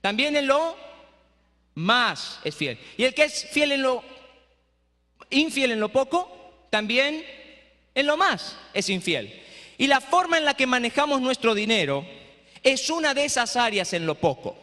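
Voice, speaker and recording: High, bright-voiced preaching man. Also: measured pace, long pauses. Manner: lively, rhetorical, keeps asking "eh?". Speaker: speaker at a training for pastors. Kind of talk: preaching lecture. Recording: echoey hall.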